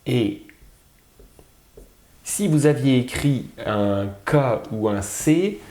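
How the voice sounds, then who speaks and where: A man teaching a spelling lesson, sounding out syllables slowly and carefully. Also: medium pitch, lively intonation, dark tone, reverberant. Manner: slow, drawn-out, sounding out syllables.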